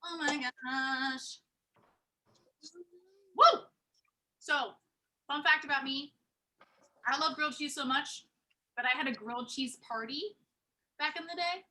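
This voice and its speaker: A woman's voice: high-pitched, slow pace, long pauses, sharp tone. A woman hosting a live online cooking class, bubbly and gushing with praise.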